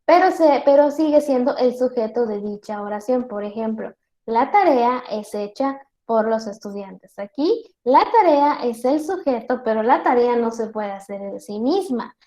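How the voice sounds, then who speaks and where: A woman teacher giving a virtual class lecture, explaining slowly with many spoken examples and checking in with her students. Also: fairly high pitch, lively intonation, mellow. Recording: roomy echo.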